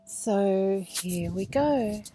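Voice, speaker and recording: A woman guiding a meditation outdoors at a retreat, speaking slowly and soothingly and often sinking into soft whispers. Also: mid-range voice, animated. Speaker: meditation guide. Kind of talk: guided meditation. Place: outdoor retreat under a pyramid structure. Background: instrumental music.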